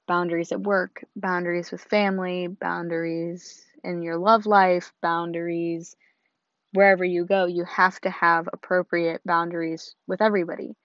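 A young woman talks in a hoarse voice that has gone low and husky from losing it. She sounds chatty and sincere, and she wanders a bit as she goes. The recording is dull and dry. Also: flat delivery, moderate pace, dry recording. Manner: chatty, earnest, rambling. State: hoarse, lost voice. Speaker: host. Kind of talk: casual talk to camera.

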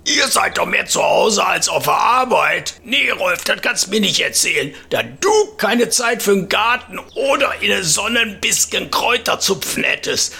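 A man's voice: high voice, expressive, normal speed, vocal fry, hardly any pauses, sharp tone, husky, pitched above the performer's own voice, full character voice. A man voicing a chatty, folksy old retired grandpa with a Ruhr area German accent, telling rambling comic stories for a podcast. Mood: chiding, folksy.

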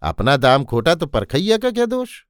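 A man voicing a meddling, sharp-tongued older aunt in a spoken story, taunting and scolding. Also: fairly high pitch, huge pitch swings, normal speed, dry recording, studio quality.

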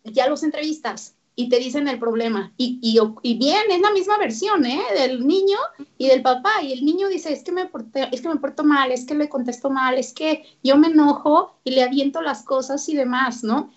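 A woman's voice: sits high, moderate pace, lo-fi sound. A woman, a therapist guest on a parenting radio interview, talking animatedly and acting out parents and children.

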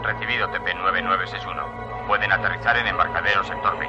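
An actor playing a formal space radar controller in a dubbed science-fiction film, speaking clipped procedure through a radio filter. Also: male voice, low-pitched, fairly even intonation, fast talker. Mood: official, brisk. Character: brisk official male space radar controller. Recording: dull radio sound under loud film music.

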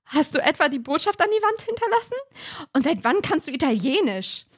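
A woman's voice: very high-pitched, measured pace, a bit bright, voice pushed up, full character voice. A woman reading aloud and voicing a nervous teenage boy detective in a jittery, pleading way. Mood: scared.

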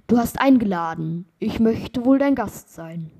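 A woman voicing a big, friendly talking ox in a read-aloud fairy tale, speaking calmly and politely. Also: on the high side, a little slow, slightly rough, heavily acted.

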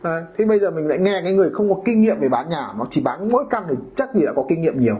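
A man's voice: fairly high pitch, animated, racing, dark tone, dull audio. A man hosting a casual podcast monologue about real estate brokering, talking colloquially and acting out homeowners and brokers in quoted voices.

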